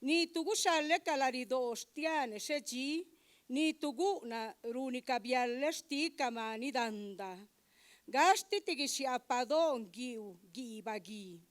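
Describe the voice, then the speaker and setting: A woman reads a poem at a formal public event. Her voice is high, and she takes each line slowly and with care. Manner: slow and deliberate reading. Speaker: poetry reader. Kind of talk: recited poetry. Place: legislative chamber event.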